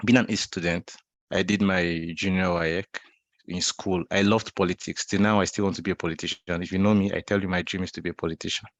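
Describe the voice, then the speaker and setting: Deep-voiced and fast, with fairly even intonation, the young Nigerian guest speaker is in his twenties and heard on a video call without any room sound. He recounts a personal story in an online talk, conversational in style, often restarting and repeating himself.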